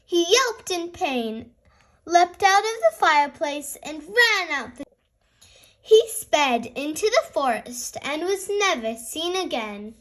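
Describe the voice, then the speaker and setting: A woman reading a storybook to small children in an animated fairy tale opening manner, as a host of story time. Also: very high voice, takes it slowly.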